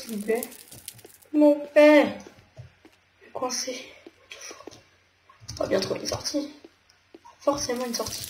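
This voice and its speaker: A young woman with a French accent giving casual gameplay commentary, thinking aloud with quick exclamations. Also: a little high. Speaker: gamer. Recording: echoey room with noticeable noise.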